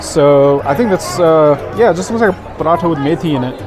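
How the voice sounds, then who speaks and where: A man with a slightly high voice talks casually to camera as a food vlogger. He savors each taste with delighted approval, while music plays and a crowd chatters around him. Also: expressive, fairly quick.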